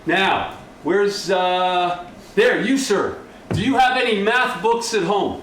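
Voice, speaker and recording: A man's voice: sits high, slow pace, a bit bright. A man doing a comic magic act for a live audience, with the jokey, showy patter of a kids party magician. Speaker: stage magician. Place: live show in an echoey room. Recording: echoey, noisy room, far from mic.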